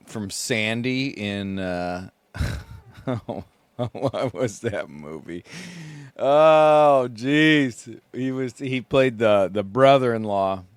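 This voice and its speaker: A sleep-deprived man rambles groggily to his recorder, unhurried and meandering. His voice is smooth and clear. The sound is close and dry. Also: lowish voice, no room sound. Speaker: podcast host, solo sailor. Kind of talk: casual self-recorded monologue. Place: small sailboat at sea.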